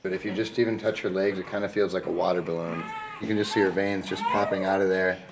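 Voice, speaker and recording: A man's voice: sits low, steady tone, fast talker, background noise. A man from North Dakota who runs a children's care center, answering interview questions in a plain, matter-of-fact way. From North Dakota, United States.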